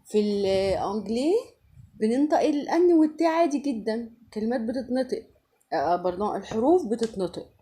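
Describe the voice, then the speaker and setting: A woman with an Egyptian Arabic accent teaching a French pronunciation lesson, explaining patiently and repeating each word slowly. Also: fairly high pitch, lively intonation, dark tone. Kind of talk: online language lesson.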